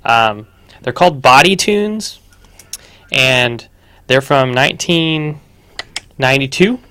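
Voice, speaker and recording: A man's voice: mid-range voice, expressive, slow, sharp tone, clean tone, dry recording. Laughing young man hosting a chat. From Texas. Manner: rambling, laughs often, many restarts. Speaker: co-host. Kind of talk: casual gaming roundtable chat. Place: livestream studio.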